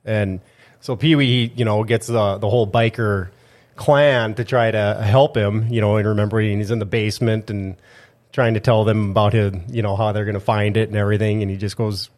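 A man's voice: fairly low pitch, fairly even intonation, a little fast, darkish tone. A man co-hosting a casual movie chat in a studio, rambling with lots of fillers. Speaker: podcast co-host.

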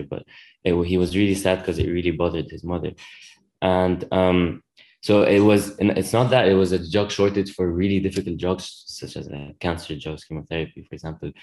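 A man in his twenties from Lebanon, a medical student guest on a podcast, telling his story in an earnest, measured way. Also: deep voice, a little mellow, low-quality recording. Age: 20s. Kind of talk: podcast interview.

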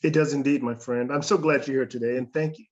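A man's voice: medium pitch, steady tone, fast talker, a little mellow, highs cut off. A man hosting a chat show, friendly and stammering a little, laughing easily. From Canada. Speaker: host. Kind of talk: casual conversation.

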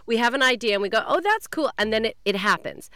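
An effusive woman chatting casually as a podcast co-host. Her voice is bright and very animated, recorded close and dry. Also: on the high side, fast talker, clear, resonant tone, no echo. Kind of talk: casual chat.

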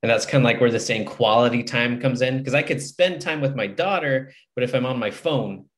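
A man's voice: mid-range voice, a little fast. A man talking casually as an author guest on a podcast, in an earnest, motivational way. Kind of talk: casual interview chat.

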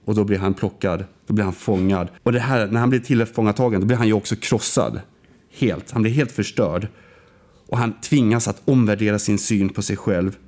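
A man in casual conversation, telling a film story with restarts and fillers. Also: darkish tone. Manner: storytelling, acts out quoted lines with big pitch swings; hesitant, frequent restarts and fillers.

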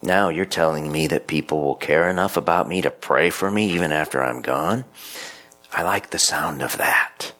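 A man voicing a dying old man, using a low, gruff voice full of regret. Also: moderate pace, pushed and bright. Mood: earnest.

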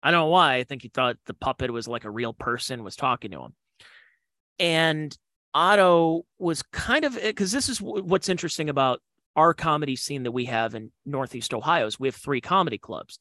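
A man's voice: medium pitch, lively intonation, fast talker, pushed and bright, dry recording. A man hosting a podcast, telling comedy club stories in a rambling, digressive way with slangy asides. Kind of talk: casual storytelling.

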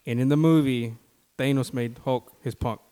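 A man's voice: mid-range voice, steady tone, moderate pace, mellow, clean tone. Earnest man chatting casually. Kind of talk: casual chat.

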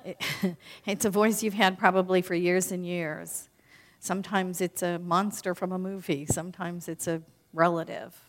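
A woman leads a group through a guided reflection in a live spiritual talk. Her voice sits at an ordinary middle pitch. She moves between emphatic, lifted phrases and quiet, hushed questions. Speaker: spiritual speaker leading a group.

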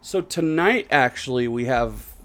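A mid-range male voice with lively intonation and a slightly bright tone speaks a little slowly. He co-hosts a laid-back wrestling podcast, rambling, asking questions and trailing off. He also has the hiccups.

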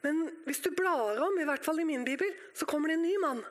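A woman preaching with fervour, her voice sitting very high. She moves between ringing cries and near-whispers as she addresses her congregation. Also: expressive. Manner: impassioned, dramatic, shifts between loud cries and hushed whispers. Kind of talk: sermon.

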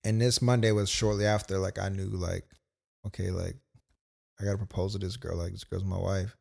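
A man's voice: low-pitched, steady tone, brisk, vocal fry, a little mellow. A young man casually telling a personal story as a podcast co-host, loose and full of quoted asides. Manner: laid-back, storytelling with many "like"s and quoted asides.

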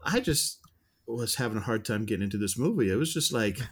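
A man's voice: on the low side, expressive, fast, slightly rough. Rambling man reviewing a film. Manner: rambling, searching for words with many restarts. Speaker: podcast co-host reviewing films. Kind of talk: casual film review chat.

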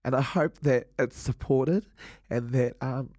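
Podcast guest, New Zealand Māori-accented man: earnest, halting, lots of fillers, dry close mic. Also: mid-range voice, darkish tone, dry recording. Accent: New Zealand Māori English. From Northland, New Zealand. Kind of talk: reflective interview talk.

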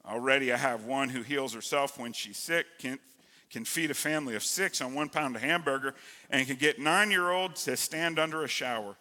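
A man's voice: medium pitch, moderate pace, sharp tone. A man voicing God as a tireless male creator in an earnest storybook reading, heard in an echoey church hall. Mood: devoted. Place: church sanctuary.

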